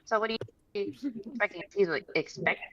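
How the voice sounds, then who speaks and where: A woman playing a tabletop game, chatting casually and haltingly over a dull online call that cuts out. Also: medium pitch, a bit bright, dry recording.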